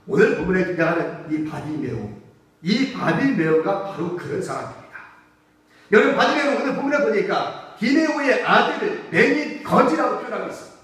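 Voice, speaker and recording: A man's voice: sits high, animated, moderate pace, a bit bright. A man preaching a sermon as pastor, emphatic and full of rhetorical questions to the congregation. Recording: echoey church hall from far off.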